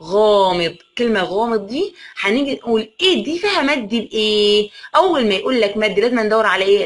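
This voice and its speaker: A woman with an Egyptian accent teaching a reading lesson to young children. She asks question after question, answers them herself, and draws out words slowly. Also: medium pitch. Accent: Egyptian Arabic. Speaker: primary school teacher.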